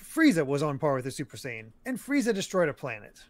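A man co-hosts a gaming chat show, building his argument one point at a time. His voice sits a little higher than most men's. The sound is dry and close-miked. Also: huge pitch swings, fast talker, no room sound. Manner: argues points step by step. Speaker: podcast co-host. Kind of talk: casual chat.

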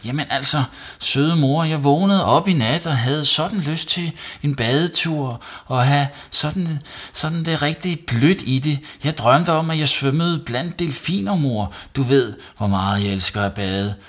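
A man doing an eager, high cheeky boy. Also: a bit bright. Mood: pleading. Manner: eager, pleading, chattering. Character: excited cheeky young boy.

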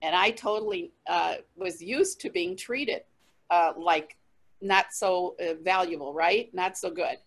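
A woman, a traveling minister, giving a candid personal testimony as an interview guest, lively, with frequent laughter and restarts. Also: on the low side, measured pace.

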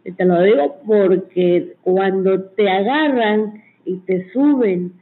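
A woman giving earnest, step-by-step advice over a call-in chat. Her voice is slightly husky and sounds thin, like it is coming over a phone. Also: mid-range voice, takes it slowly. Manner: earnest, advising. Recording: tinny phone line.

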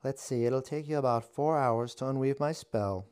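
A man voicing a witch who speaks deadpan and teasing, with a wry edge. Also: mid-range voice, moderate pace, clean tone, pitched above the performer's own voice, close to an everyday voice. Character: wry, deadpan witch facing death, woman.

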